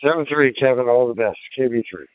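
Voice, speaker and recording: A man's voice: medium pitch, quick pace, no echo. A man chatting on a ham radio link, rambling and laughing between remarks. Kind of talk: casual radio chat. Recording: narrow tinny radio audio, dry.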